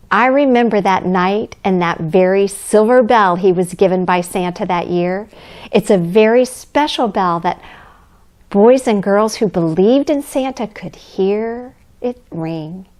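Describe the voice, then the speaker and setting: A woman playing Mrs. Claus as a kindly storybook reader, gentle and expressive, speaking to children. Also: medium pitch, slow pace. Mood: tender, hushed. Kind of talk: children's storybook reading, addressing young listeners.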